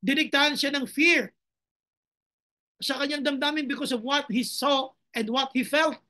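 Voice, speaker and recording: A high-pitched woman pastor delivering a sermon with passion. She moves between two languages and rises into dramatic pleading cries to God. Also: fairly even intonation, a little slow, bright, forceful tone.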